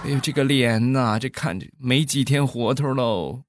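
A middle-aged man telling comic stories, with drawn-out trailing sounds. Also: medium pitch, over loud music. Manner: animated, drawn-out trailing 'ah's. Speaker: comedian storyteller. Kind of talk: comic storytelling monologue.

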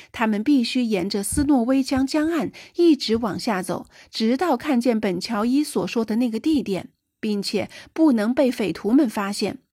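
Female audiobook narrator, fairly high voice, dry close recording, livens up for dialogue. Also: a little mellow, dry recording. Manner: raises pitch and volume for quoted dialogue. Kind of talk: scripted narration.

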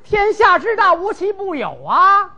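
A man's voice: very high-pitched, wildly swooping pitch, a little slow, bright, forceful tone, lo-fi sound, heavily acted. A male comedian playing a chatty busybody who stammers and giggles while spreading gossip in live crosstalk. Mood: gossipy.

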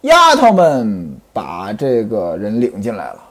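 A man's voice: lowish voice, wildly swooping pitch, takes it slowly, fairly bright tone, breathy edge, voice pushed down, exaggerated voice. A man voicing a glib, sly young man spinning a made-up story, in a storyteller's tale.

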